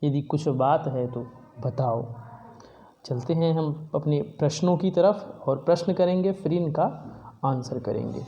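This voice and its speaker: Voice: medium pitch, measured pace, warm tone, highs cut off. A teacher explaining a poem verse by verse, paraphrasing each line and dictating worksheet answers for students to write down.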